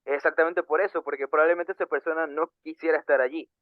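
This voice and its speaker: A young man co-hosting a casual podcast, earnest and halting, with many fillers and restarts. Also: a little high, steady tone, no echo. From Panama. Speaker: podcast co-host. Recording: tinny phone-like sound.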